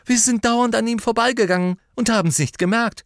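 A man voicing an eager, impatient teenage boy in an audiobook, quick to argue and excitable. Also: very high-pitched, no echo, clean studio sound, pitched above the performer's own voice. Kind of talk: audiobook character voice.

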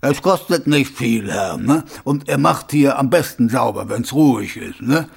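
A man voicing a blunt, gruff male prison guard who barks short orders, in a gravelly voice. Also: medium pitch, lively intonation, measured pace, exaggerated voice. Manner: curt, loud, ends questions with 'ne'.

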